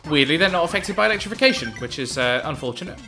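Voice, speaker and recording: A man's voice: a little high, expressive, fast talker, bright, forceful tone, faint music behind. A man giving casual, amused commentary over a video game playthrough, with frequent ums and uhs. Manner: chatty, amused, hesitant with many ums. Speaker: let's play commentator.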